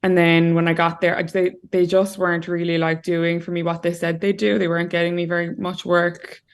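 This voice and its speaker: Her voice is fairly low and level, and she talks fairly quickly. She's a young Irish interviewee joining by video call from a room at home, casual and chatty, leaning heavily on "like" and "you know."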